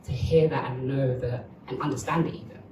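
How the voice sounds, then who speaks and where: A woman's voice: rumbling low, fairly even intonation, a little fast, roomy sound, recorded from a distance, noisy background. A woman from Uganda, giving a candid, reflective documentary interview.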